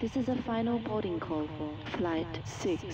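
A woman making a formal boarding announcement over an airport PA system, in a measured, formal announcer manner. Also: medium pitch. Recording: muffled distant loudspeaker with noise.

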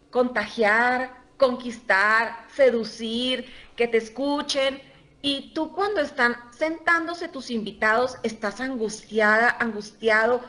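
A woman presenting a workshop, speaking lively and chatty to her audience and laughing often. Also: high voice. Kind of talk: live seminar talk to a group.

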